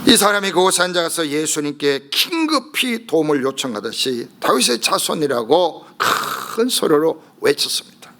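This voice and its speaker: A man's voice: fairly high pitch, normal speed, slight background noise. A middle-aged man, preaching a sermon as a pastor and acting out the cries in his story. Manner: animated preaching, acts out the blind man's cries.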